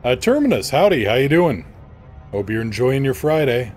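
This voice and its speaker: A man's voice: medium pitch, very animated, normal speed, darkish tone, soft background music. A man chatting casually with viewers on a live game stream, joking and playful as he answers them by name. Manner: joking, playful, reads viewer names aloud.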